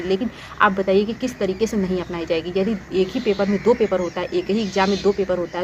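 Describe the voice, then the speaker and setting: A woman's voice: mid-range voice, a little mellow, highs cut off, a little hiss or hum. A woman talking straight to her viewers with earnest, pleading commentary, full of fillers and restarts. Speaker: YouTube commentator on exams. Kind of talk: direct-to-camera commentary.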